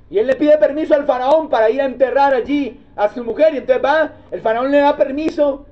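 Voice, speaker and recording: A man's voice: extremely high pitch, muffled recording. A man with a Colombian accent, preaching a sermon in a conversational way and asking his listeners rhetorical questions. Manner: calls listeners brother, homely storytelling tone. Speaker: pastor.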